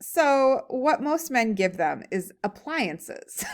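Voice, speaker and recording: A woman's voice: high-pitched, sing-song, slow pace. Chatty woman reading aloud to a class. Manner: chatty asides, laughs while reading. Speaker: teacher. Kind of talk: reading a story aloud with think-aloud comments.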